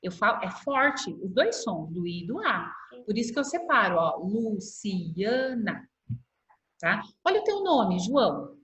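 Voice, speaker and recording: A middle-aged woman with a Brazilian accent, a primary school teacher giving a patient online class and slowly stretching out words to show how they split. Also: mid-range voice, very animated, a bit bright. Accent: Brazilian Portuguese. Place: home room on a video call. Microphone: laptop mic on video call. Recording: echoey video-call audio.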